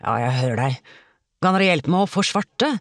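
A woman's voice: on the low side, animated, dry recording, clean studio sound, close to an everyday voice. A woman voicing an angry man clinging to a rock in the sea, snapping demands for help in an audiobook reading. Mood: angry, strained.

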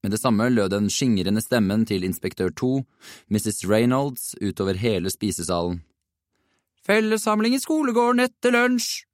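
Low-voiced man reading a children's story. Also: a little mellow, no room sound, clean studio sound. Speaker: audiobook narrator. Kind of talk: scripted storybook narration.

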